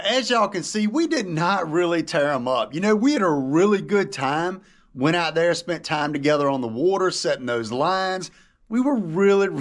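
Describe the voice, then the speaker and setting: A middle-aged man hosts a casual fishing vlog from a small river boat, giving quick, upbeat instructions. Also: on the high side, dry recording, studio quality. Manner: upbeat, coaching with quick repeated commands. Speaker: fishing channel host. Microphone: action camera on the boat. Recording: noisy outdoor boat recording.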